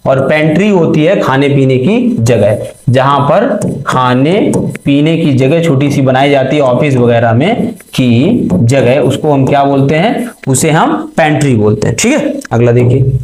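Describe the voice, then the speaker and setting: A man's voice: mid-range voice, expressive, a little slow, darkish tone. A male teacher giving an exam-prep vocabulary lecture, mixing English terms into his explanations and asking questions he answers himself. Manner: mixes Hindi with English terms. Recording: echoey room.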